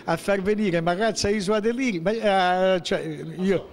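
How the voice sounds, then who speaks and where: Interviewed on the spot in the indoor hallway of a public building, a man in his sixties who is a local political figure speaks into a handheld microphone held toward him. His accent is central-southern Italian from southern Lazio, and his high-sitting voice trails a long reverb tail. Emphatic and aggrieved, he halts, restarts and poses rhetorical questions again and again.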